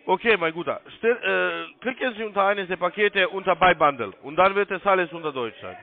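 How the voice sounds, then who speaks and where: This call centre salesman has a high, creaky voice and speaks briskly, insisting on his step-by-step telephone instructions and going over them again and again. The audio is a muffled narrow-band phone line.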